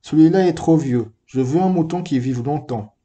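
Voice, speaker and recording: Man voicing a gentle earnest little prince. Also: a little high, moderate pace, lightly acted. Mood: insistent. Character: small gentle curious boy prince, earnest.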